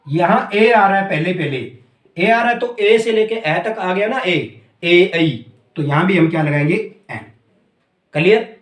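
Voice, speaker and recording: In a classroom-style English grammar lesson, a man with a high, fairly bright voice explains things step by step. The recording is reverberant, and he keeps checking that students follow by asking "clear?".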